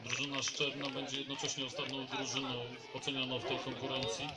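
A man announces at an outdoor competition. His delivery is flat and even, at a middling pitch. The recording from the open field is very noisy. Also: fairly quick, over a noisy crowd. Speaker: event announcer. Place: large outdoor grass sports field.

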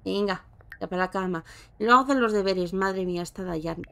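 A woman's voice: mid-range voice, a little fast, creaky, bright, forceful tone, clear, resonant tone. Woman, casual gameplay commentary, chatty, talks to characters. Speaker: gameplay streamer. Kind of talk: casual let's-play commentary.

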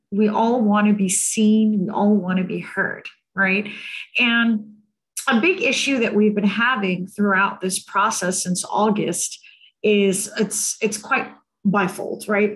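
A woman's voice: mid-range voice, rough recording. A woman in her thirties from the United States, speaking earnestly over a video-call headset and often checking in with "right?". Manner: earnest, frequent tag "right?" and "um". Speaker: guest speaker on cultural competence.

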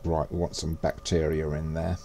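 A man's voice: rumbling low, completely flat delivery, moderate pace, darkish tone, slight background noise. A man streaming a space game, chatting casually as he plays and muttering to himself. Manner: muttering to himself while playing. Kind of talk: casual gameplay commentary.

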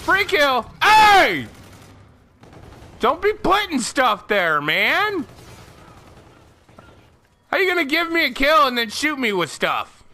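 A man with a strikingly high, bright voice that swings widely in pitch. He narrates his own gameplay, loud, profane and quick to laugh. His delivery stays slow and drawn out even when he's yelling. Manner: excitable, profane, shouts at the game; laughs often. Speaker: gaming channel host. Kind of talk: live gameplay commentary.

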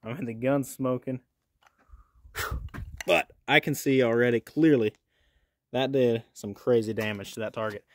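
A man's voice: mid-range voice, fairly even intonation, unhurried, long pauses, no room sound. A young man hosting a casual outdoor vlog, talking plainly and folksily to viewers while he works. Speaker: outdoors channel host. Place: outdoors at a shooting range.

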